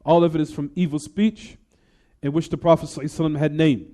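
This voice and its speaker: Talking very fast in a slightly high, steady, mellow voice, an Islamic teacher reads a text aloud and explains it to his class. He shifts between English and recited Arabic, frequently asking rhetorical "what?" questions along the way.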